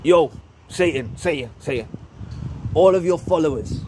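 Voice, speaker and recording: A man voicing God, who gives Satan a blunt order in a low, hushed, casual voice. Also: expressive, moderate pace, a little hiss or hum, natural voice. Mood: commanding.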